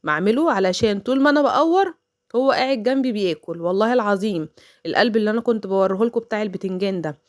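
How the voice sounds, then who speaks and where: Egyptian mom talking fast over her cooking clips, chatty storyteller, dry close sound. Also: medium pitch, expressive, no echo. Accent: Egyptian Arabic. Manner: chatty, storytelling, religious phrases. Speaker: home cooking vlogger, mother.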